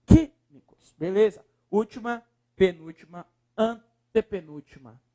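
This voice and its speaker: A man with a Brazilian Portuguese accent teaching a video lesson, coaxing students and repeating words slowly syllable by syllable. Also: sits high, animated.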